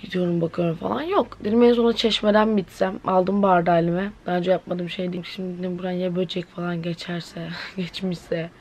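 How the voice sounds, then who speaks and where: A woman's voice: on the low side, fairly even intonation, fairly quick, few pauses, a little mellow. An eighteen-year-old woman vlogging at home, telling a story in a chatty, dramatic way with exclamations. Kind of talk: casual vlog chat to camera. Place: at home indoors.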